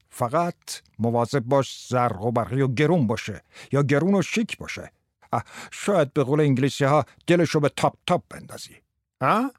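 A man voicing a brash older male tie salesman who lectures a shy boy on selling with quick, lively banter in an audiobook. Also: medium pitch, no echo, studio quality, natural voice. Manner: lively, fast coaching banter. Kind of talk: audiobook character voice.

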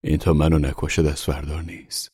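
A man voicing a paranoid, frightened middle-aged official in a storybook reading, speaking low and muffled. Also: flat delivery, darkish tone, breathy edge, dry recording, clean studio sound, heavily acted. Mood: fearful.

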